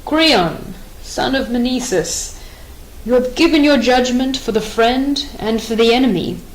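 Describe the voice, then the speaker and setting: A woman's voice: a little high, measured pace, pitched above the performer's own voice, natural voice, rough recording. A woman reading the part of a male chorus of city elders in an audiobook play, formal and respectful toward the king. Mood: deferential.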